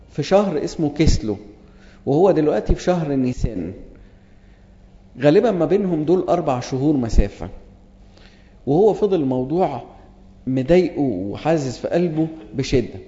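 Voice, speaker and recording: An earnest Egyptian preacher delivers a sermon in a deep, mellow voice, reading scripture and then explaining it in everyday speech. He repeats his main lines slowly for weight. The sound is dull and muffled, with a long echo from a large hall. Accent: Egyptian Arabic. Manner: earnest, reads scripture aloud and restates it plainly; repeats key phrases slowly for emphasis.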